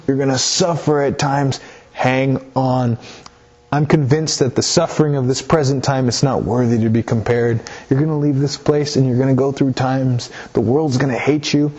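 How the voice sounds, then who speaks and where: A man's voice: mid-range voice, darkish tone. Earnest male preacher, dull recording. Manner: earnest, repeats phrases, exhorts listeners directly. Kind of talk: sermon reading scripture and explaining it.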